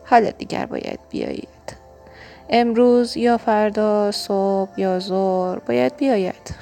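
A patient mother waiting for her husband in a children's story, voiced by a woman narrator. She speaks softly and reassures. Music hums faintly in the background. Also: high-pitched, expressive, creaky, voice pushed up. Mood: reassuring. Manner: soft, reassuring. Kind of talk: children's audiobook reading.

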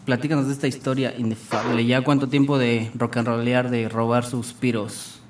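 A man's voice: medium pitch, little pitch movement, normal speed, far from the mic, slight background noise. Slangy, joking Mexican man hosting radio. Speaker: radio show host. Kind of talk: casual slangy chat.

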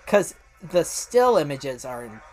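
Low-voiced chatty woman. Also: sing-song, slow pace. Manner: chatty, trailing off and restarting mid-sentence. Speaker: co-host. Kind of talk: casual watch-along chat.

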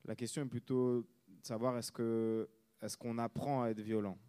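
Reflective man with a smooth, mellow voice. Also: mid-range voice, little pitch movement. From France. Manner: reflective, measured, pauses often to search for words. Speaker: author and former reporter. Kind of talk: interview answer.

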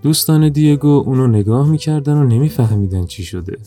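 A man narrating a children's story in a calm, even storytelling manner. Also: medium pitch, soft background music.

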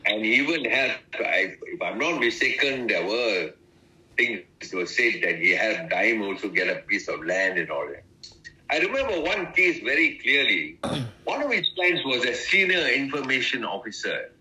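This retired ambassador from Malaysia, now in his 90s, casually recalls the past in an interview with relaxed good humour. His mid-range voice is sing-song and sharp, at a moderate pace, over a rough recording.

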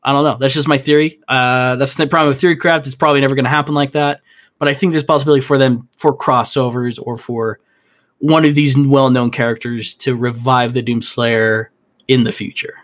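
A man's voice: medium pitch, fairly even intonation, fairly quick, fairly bright tone. A man co-hosting a gaming podcast, theorizing in a loose, rambling way with lots of fillers. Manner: rambling, many fillers and restarts. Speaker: podcast co-host. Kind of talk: casual chat.

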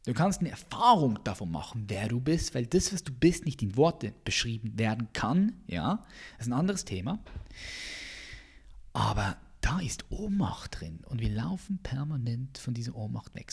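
A man giving an intense motivational monologue as a personal growth coach, jumping from loud bursts to hushed whispers. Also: mid-range voice, sing-song, normal speed, gravelly, slightly rough.

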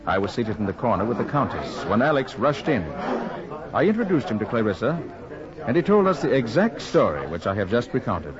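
An actor as a measured gentleman narrator. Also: medium pitch, very animated, natural voice. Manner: measured storytelling. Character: gentleman narrator recounting the tale at a party. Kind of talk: 1940s radio drama narration. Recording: muffled 1940s radio with crowd murmur behind.

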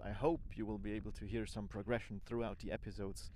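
A man's voice: fairly low pitch, flat delivery, fast talker, a little mellow, a little hiss or hum. A man speaking non-native English with a Swiss accent, rambling informally and thinking aloud as he records a casual audio diary as an amateur podcaster.

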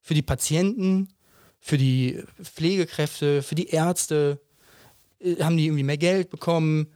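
A man in his thirties with a slightly raised voice talks bluntly in a relaxed podcast chat. He hammers his points with rhetorical questions and repeats them for weight. The recording is dry and close, with no room sound. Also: a little high, unhurried, no room sound. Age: 30s. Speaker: podcast co-host. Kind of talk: casual chat.

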